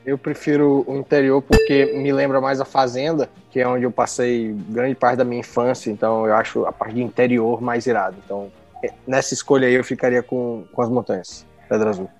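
A man's voice: mid-range voice, level tone, a little fast, a little mellow, soft background music. A man with a Bahian Brazilian accent, chatting informally and with slang as a podcast co-host. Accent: Bahian Brazilian Portuguese. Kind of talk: casual chat.

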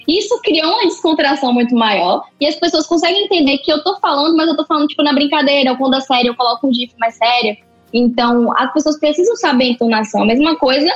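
A talkative woman with a Brazilian Portuguese accent chats as a podcast guest, her voice high and animated. The recording is dull and lo-fi. Faint music plays underneath. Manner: chatty, animated, many fillers. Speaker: photographer guest. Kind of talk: casual podcast chat.

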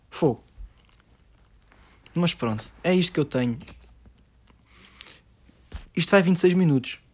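A man with a European Portuguese accent rants through a solo podcast episode, sarcastic and full of swearing. His voice sits fairly high for a man, and he rattles off his words at a quick clip. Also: a little mellow. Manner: sarcastic, profane ranting. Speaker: podcast host.

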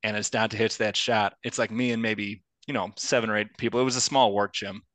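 A man, a former college player, telling lively stories as a podcast guest. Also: lowish voice, fairly quick, dry recording. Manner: lively storyteller. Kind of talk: casual podcast chat.

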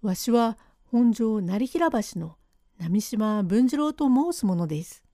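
Woman doing a soft-spoken, courteous gentleman. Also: fairly high pitch, moderate pace, no echo, studio quality, natural voice. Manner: formal, polite, quiet-voiced. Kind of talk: rakugo storytelling reading.

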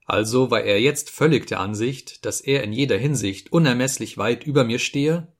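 A man narrating an audiobook in a measured literary reading. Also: mid-range voice. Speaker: audiobook reader.

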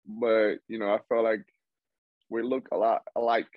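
A man's voice: fairly low pitch, little pitch movement, moderate pace, dry recording, narrow, tinny audio. A young man from Cuba, a baseball player chatting as an interview guest, rambling with restarts. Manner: rambling with frequent restarts and laughs. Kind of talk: casual interview chat.

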